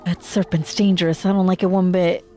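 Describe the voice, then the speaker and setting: A woman's voice: fairly low pitch, level tone, fairly quick, warm tone, soft background music. A woman streamer giving casual horror game commentary, full of jumpy reactions, exclamations and swearing.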